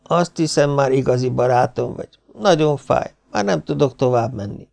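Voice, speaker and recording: A man's voice: medium pitch, gravelly, darkish tone, natural voice. A man voicing an odd, boastful little schoolboy who talks in an eager, confiding way. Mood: whispering.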